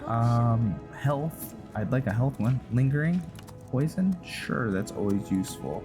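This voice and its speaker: A man at medium pitch, expressive and a little slow, jokes and thinks out loud while playing a role-playing game. It's casual let's-play commentary from a gaming video host, with game music in the background.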